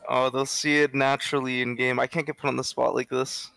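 An eighteen-year-old man giving quick in-game callouts and rambling through casual banter with teammates. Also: mid-range voice, flat delivery, vocal fry, a bit bright, smooth, faint music behind. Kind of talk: casual gaming chat with callouts.

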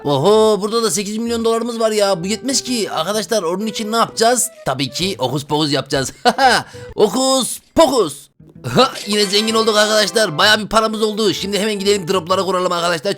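A man with a high voice who talks fast, narrating a video game for his viewers. He keeps bursting into loud, excitable exclamations. Faint game music plays underneath. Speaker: gaming YouTuber. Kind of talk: excited let's-play commentary.

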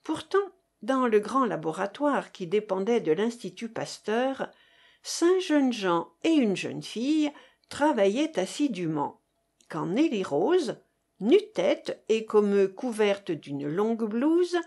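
A woman reading a classic novel aloud in a measured, expressive way. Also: medium pitch. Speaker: audiobook reader. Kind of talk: scripted narration.

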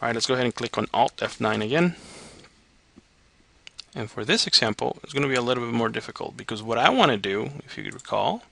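Bright, gravelly male tutorial narrator. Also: medium pitch, lively intonation, fast talker, slight background noise. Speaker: software tutorial instructor. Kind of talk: step-by-step screencast tutorial narration. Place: voice-over on a screen recording.

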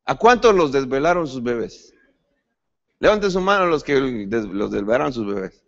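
A man's voice: moderate pace, creaky. A male pastor preaching a sermon, speaking to the congregation as brother and often repeating and restarting words as he goes. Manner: lively pitch swings, rising to sudden emphatic peaks. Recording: dull lo-fi church recording.

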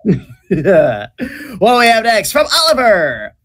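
A man's voice: high voice, huge pitch swings, a little slow, a bit bright. A man hosting an online Q&A panel, upbeat, reading fan questions aloud with brief affirmations. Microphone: video call.

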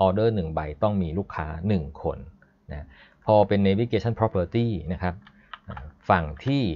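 A man teaching a live online programming class, chatty and explanatory, stopping to read code aloud slowly. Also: low voice. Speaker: programming instructor. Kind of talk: live-streamed coding lesson. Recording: dull lo-fi stream audio.

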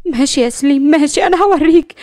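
A woman's voice: high voice, rapid-fire, dark tone, lightly acted. A woman voicing a headstrong young woman, indignant and close to tears, with an Egyptian accent. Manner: indignant, tearful, vengeful. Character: fiery headstrong young female vet.

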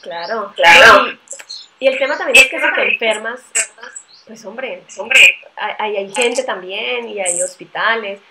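A woman's voice: a little high, unhurried, very noisy. A woman hosting a casual conversation, speaking in a reassuring way. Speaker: host.

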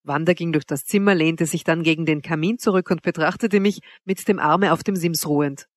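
A woman narrating a literary audiobook in a measured, expressive storytelling manner. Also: low voice.

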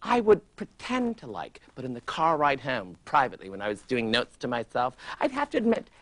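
A prissy, oblivious celebrity interviewer, gushing in a bright, sharp voice that swoops wildly from low murmurs to shrill squeals. A fussy, pompous middle-aged host on a TV talk show set. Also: male voice, wildly swooping pitch, fairly quick. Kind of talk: improvised comic interview.

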